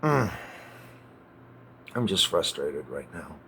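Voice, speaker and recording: A man's voice: extremely low pitch, big pitch swings, creaky, sharp tone, a little hiss or hum. Agitated, swearing man ranting. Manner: agitated, profane, halting. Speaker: vlogger. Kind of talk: ranting monologue to camera.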